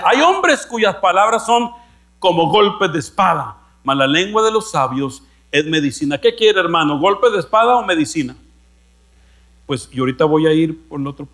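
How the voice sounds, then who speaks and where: Northern Mexican male pastor, high voice, humorous storyteller, light mains hum. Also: a bit bright. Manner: storytelling preacher, jokey, addresses listeners as brother. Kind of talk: sermon.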